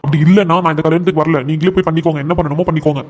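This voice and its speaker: A devoted young cartoon husband, voiced by a man, talking in a raised, fairly high voice. He pleads with his mother and stands firm for his wife, words tumbling out very quickly. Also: fairly even intonation, natural voice. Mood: pleading. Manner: earnest, pleading, stubbornly defends his wife. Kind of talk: cartoon voice acting.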